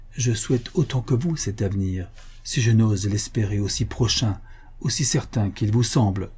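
A man's voice: mid-range voice, mellow, husky, lightly acted. A man reading as a cautious capitalist magnate. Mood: earnest. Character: powerful older male capitalist, cautious.

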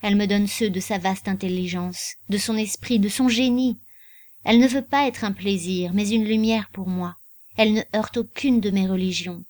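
A woman's voice: medium pitch, fairly even intonation, normal speed, darkish tone, dry recording, clean studio sound, natural voice. A woman reading the part of an earnest, passionate young male nobleman in an audiobook.

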